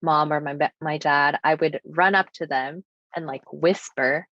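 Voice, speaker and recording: This podcast guest is a young woman from the United States whose native language is Japanese, and she speaks earnestly and thoughtfully with lots of casual fillers. Her voice sits low and unhurried in a reflective personal conversation. No room sound comes through, but the audio is dull and lo-fi.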